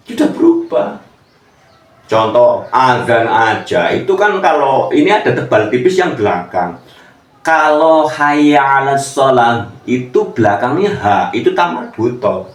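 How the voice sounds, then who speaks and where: A man giving an informal religious lesson, explaining slowly and acting out pronunciations. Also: mid-range voice, big pitch swings. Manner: slow and explanatory, acts out pronunciations. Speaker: religious teacher. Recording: echoey room, distant from the mic.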